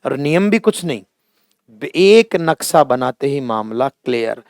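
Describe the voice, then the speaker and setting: In a dry, clean studio recording, a middle-aged man with a Hindi accent gives a board lesson in a very animated, mid-range, slightly mellow voice. He is slow and emphatic, elongating words to highlight pronunciation, and calls his students by fond family terms like "beta" and "bhaiya".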